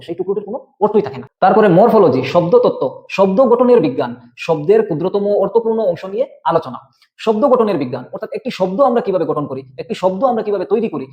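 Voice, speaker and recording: A man's voice: high-pitched, a little mellow. A male teacher giving an exam-prep lecture, explaining step by step and often checking in with the listener. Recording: dull lo-fi audio.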